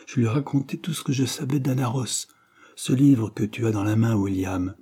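A man's voice: medium pitch, fairly even intonation, normal speed, dark tone, slightly rough, voice pushed up. A man reading a novel aloud, voicing a chatty young girl who blurts things out in a raised voice. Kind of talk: audiobook character voice.

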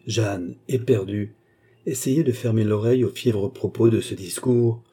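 Man, audiobook narrator, low voice, husky, measured dramatic reading. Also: dark tone. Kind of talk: scripted novel narration.

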